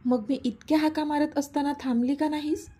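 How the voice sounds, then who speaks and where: A woman's voice: high voice, steady tone, a little fast, warm tone, pitched above the performer's own voice, natural voice. A woman doing a stubborn teasing young man. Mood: teasing insistent. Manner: teasing, insistent.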